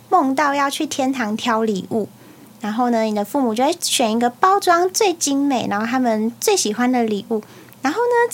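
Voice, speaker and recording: A young woman with a Taiwanese Mandarin accent, co-hosting a podcast and telling stories frankly in casual chat. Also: fairly high pitch. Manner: frank, storytelling. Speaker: podcast co-host.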